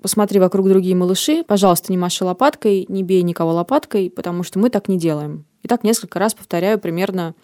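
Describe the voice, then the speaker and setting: A woman's voice: on the low side, fast talker, hardly any pauses, dark tone, no echo, studio quality. A woman in her thirties, a podcast host telling stories in casual chat. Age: 30s. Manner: reflective, storytelling.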